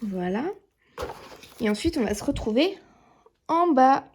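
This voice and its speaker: In a casual show-and-tell vlog from her home dressing table, a beauty vlogger chats about her things, using many fillers and "voilà". Her voice sits high and is expressive, a little slow and a little mellow. The close camera or phone recording has slight background noise.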